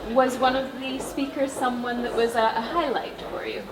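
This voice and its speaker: A woman's voice: on the high side, fairly even intonation, moderate pace. A woman interviewing attendees at an event with brief prompting questions. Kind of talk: vox-pop interviewing. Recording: roomy, distant, loud crowd behind.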